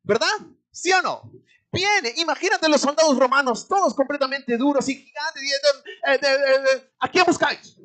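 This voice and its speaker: High-voiced Peruvian preacher. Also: moderate pace. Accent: Peruvian Spanish. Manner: keeps calling out "my dear brother" and asks the congregation rhetorical questions; dramatic swings between loud and hushed. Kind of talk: sermon.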